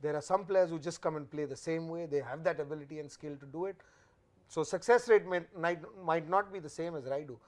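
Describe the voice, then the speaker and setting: Man, slightly high voice, cricket pundit, emphatic, opinionated, studio analysis. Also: a little fast.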